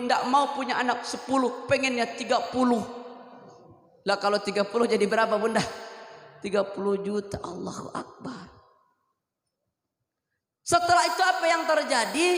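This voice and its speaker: A man's voice: high-pitched, fairly bright tone. A young man from Lampung preaching a storytelling sermon, acting out voices and quizzing his audience. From Lampung, Indonesia. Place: religious foundation event hall. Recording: echoey hall with long reverb.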